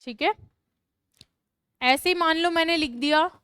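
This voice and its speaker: A woman's voice: very high-pitched, measured pace, fairly bright tone, no room sound. A woman teaching English grammar to a class, dictating notes and repeating key phrases emphatically. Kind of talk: classroom lesson explaining grammar.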